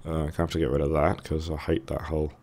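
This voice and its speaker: A man's voice: rumbling low, flat delivery, quick pace, darkish tone. A man with a thick, sore-throated voice giving casual, hesitant let's play commentary, musing to himself as he goes. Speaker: gaming video host.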